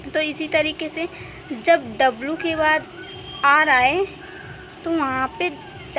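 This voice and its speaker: A woman's voice: sits high, fairly bright tone, a little hiss or hum. A woman teacher patiently explaining English spelling rules step by step in a home-made lesson video.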